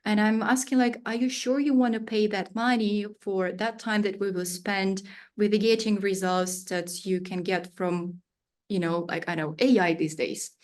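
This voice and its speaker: The woman's mid-range voice stays level and moves at normal speed. In her thirties and a native Russian speaker, she's a studio founder fielding interview questions as a guest, searching for words, filling pauses often and using non-native grammar.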